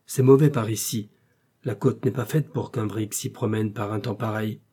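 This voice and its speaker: A man voicing a weathered old male sea pilot who speaks plainly and with respect, in a husky tone. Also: fairly low pitch, moderate pace, mellow. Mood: grave.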